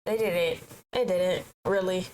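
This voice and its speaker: A woman's voice: fairly low pitch, steady tone, slow pace, darkish tone, a little hiss or hum, poor audio. A woman hosting a reaction video, chatting casually and giving her opinions. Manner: chatty, opinionated, talks back at the screen.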